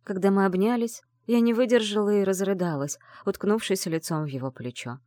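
A woman's voice: mid-range voice, a little fast, dark tone, no room sound, studio quality. A woman narrating an audiobook in the first person, reading in an earnest, heartfelt way.

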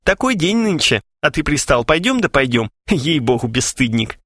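A flippant young woman who is down on her luck, brisk and plainspoken, as a male narrator puts her on. Her voice sits a little higher and swings widely from note to note. The recording is close and dry. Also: sing-song, fairly bright tone, dry recording. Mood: pert. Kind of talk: audiobook character reading.

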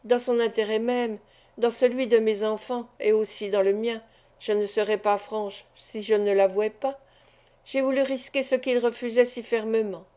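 A resolute, anguished wife, as a woman reader voices her, pouring out an earnest confession. The voice is fairly high and mellow, with a warm, soft tone. It is heard in a storybook reading of a classic novel. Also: little pitch movement, normal speed, close to an everyday voice.

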